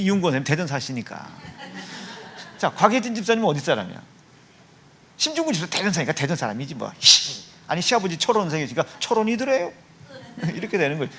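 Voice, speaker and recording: A man's voice: on the high side, fairly bright tone, husky. A middle-aged man from Chungcheong preaching a revival sermon in a church, joking and teasing members of the congregation by name. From Chungcheong, Korea. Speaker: pastor. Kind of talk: revival sermon with humorous anecdotes. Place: church sanctuary.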